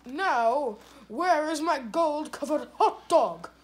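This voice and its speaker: A woman puppeteer improvises a comedy skit with plush toys on a living room couch, voicing them in a drawling, mumbly way. Her voice sits high and sounds animated, and she speaks slowly.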